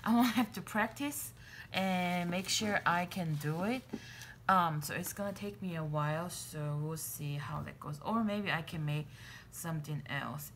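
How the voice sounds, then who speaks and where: A woman vlogger talks casually to her viewers in a slightly low voice, full of fillers and restarts and quick to get excited. A faint noise sits under the recording. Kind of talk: casual chat to camera.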